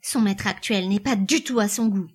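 A woman's voice: mid-range voice, normal speed, darkish tone, breathy edge, lightly acted. A woman reading aloud, voicing an anxious young wife who pleads in a strained, urgent way. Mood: cold. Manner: pleading, then coldly firm.

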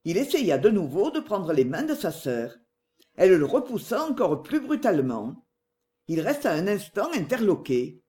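An audiobook narrator reading a novel in scripted narration, with an expressive literary delivery. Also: medium pitch, moderate pace.

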